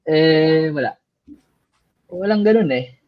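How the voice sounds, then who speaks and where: A man's voice: a little high, lively intonation, slow. A man co-hosting a podcast, talking candidly and hesitantly, often trailing off with fillers. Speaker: podcast co-host. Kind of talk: casual candid chat. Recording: dull lo-fi sound.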